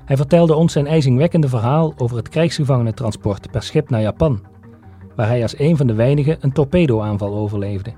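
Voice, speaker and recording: Dark-voiced man narrating a documentary. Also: medium pitch.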